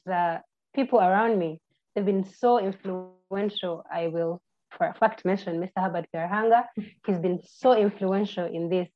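Ugandan woman with slightly muffled audio. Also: medium pitch. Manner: friendly, halting, with restarts and fillers. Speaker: podcast guest, birding tour guide. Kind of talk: casual interview answers.

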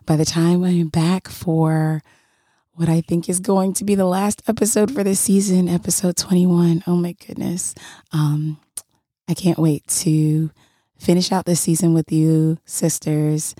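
A woman hosting a podcast with a hoarse, froggy voice, speaking earnestly and haltingly as she encourages her listeners. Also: low-pitched, warm tone, no room sound, studio quality. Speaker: podcast host. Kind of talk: podcast sign-off addressed to listeners.

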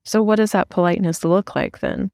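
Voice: mid-range voice, brisk, gravelly, a little mellow, no echo, clean studio sound. A podcast host in casual conversation, asking questions and laughing often.

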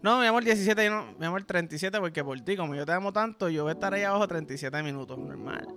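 A young Puerto Rican podcast host with a high, sharp, expressive voice talks fast over faint music. In Puerto Rican Spanish, he rambles through crude, vulgar comic stories packed with sound effects and frequent swearing.

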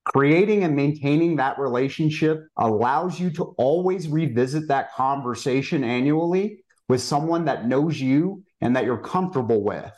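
Male podcast guest, financial advisor, average pitch, polished and measured delivery. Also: animated, darkish tone.

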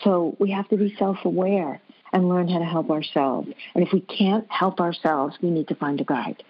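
A woman guest expert giving calm, earnest advice in an interview. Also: lowish voice, slightly rough. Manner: measured, earnest explaining. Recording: dull lo-fi sound.

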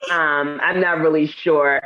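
A woman's voice: deep voice, fairly even intonation, a little slow, lo-fi sound. A woman from Harlem, New York, co-hosting a casual chat and telling stories with a laugh. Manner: laughing, chatty storyteller. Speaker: co-host.

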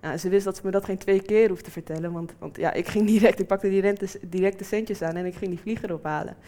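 A woman in her twenties tells a personal story in a lively way, acting out the voices of the people in it. She speaks fast at a medium pitch.

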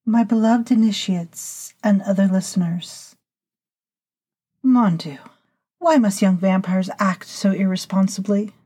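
A woman voicing a centuries-old female vampire historian who talks in a slow, formal, lecturing way to her initiates. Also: medium pitch, warm tone, slightly rough. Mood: scolding. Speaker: narrator of a vampire storytelling podcast. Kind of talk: scripted audio fiction monologue.

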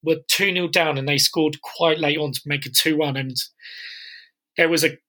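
Bright-voiced man telling a story. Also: on the high side, fairly even intonation, moderate pace. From London area. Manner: meandering storytelling with fillers. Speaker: podcast co-host. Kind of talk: casual chat.

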